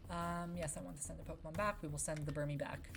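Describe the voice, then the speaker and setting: Young woman game dev, low voice, chatty, easily sidetracked commentary. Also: fairly even intonation, quick pace, creaky, noisy background. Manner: chatty, wandering, answers chat. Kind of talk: casual let's-play commentary.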